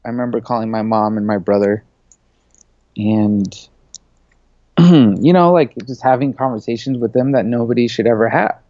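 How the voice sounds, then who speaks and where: Speaking at normal speed with long pauses, this mellow, mid-range male voice belongs to a Saudi-born, US-raised media creative in his thirties. He's a guest in a relaxed interview, and his talk is loose and packed with "you know" and "like." The audio is dry and dull.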